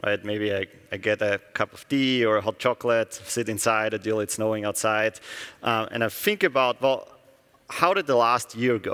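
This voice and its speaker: A man's voice: fairly low pitch, sharp tone. A middle-aged man who grew up in Austria, giving a conversational conference keynote and often turning to the audience with "right?". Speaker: company executive giving a keynote. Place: conference hall. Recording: long hall reverb.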